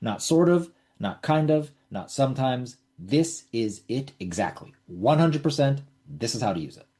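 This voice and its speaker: A man's voice: mid-range voice, very animated, moderate pace, mellow. A middle-aged man hosting a casual online trading webinar, talking bluntly with repeats and the odd swear word. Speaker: webinar host.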